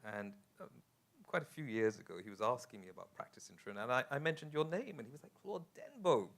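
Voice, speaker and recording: A man's voice: medium pitch, sing-song, quick pace, vocal fry, fairly bright tone. A man interviewing a guest, asking conversational questions and often repeating his opening words.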